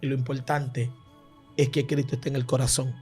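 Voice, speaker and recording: A man preaching a fervent sermon, swelling loud and then dropping to a hushed, prayerful tone, slipping into tongues between phrases. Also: mid-range voice, level tone, brisk, soft background music.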